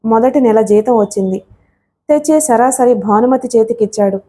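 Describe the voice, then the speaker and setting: A woman with a Telugu accent reads a family novel for an audiobook. Her voice sits a little high and sounds warm and mellow. She acts out the characters' lines, dropping lower and softer for the men. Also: moderate pace. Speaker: audiobook narrator. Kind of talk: dramatic storybook reading with character dialogue.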